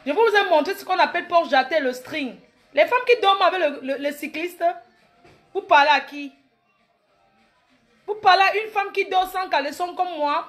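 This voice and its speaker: A woman's very high, somewhat bright voice comes at normal speed with frequent pauses, over faint background music. She's a comedic vlogger in her late thirties with a Cameroonian French accent, brashly boasting and ridiculing her critics.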